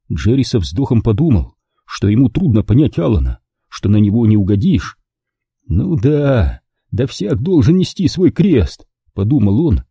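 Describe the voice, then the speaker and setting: A man narrating an audiobook with a measured storytelling delivery. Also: lowish voice, dark tone, slightly rough, no room sound, studio quality. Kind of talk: scripted narration.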